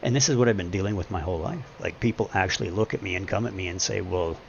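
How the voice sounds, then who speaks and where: Deep-voiced man rambling earnestly. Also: racing, vocal fry, dull audio, a little hiss or hum. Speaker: live streamer. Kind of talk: casual reflective monologue.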